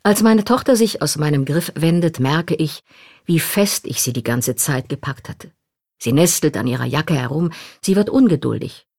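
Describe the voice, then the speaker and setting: A woman reading a first-person memoir aloud in a calm, reflective manner. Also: sits low, moderate pace, creaky, dry recording, studio quality. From Poland. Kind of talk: scripted literary narration.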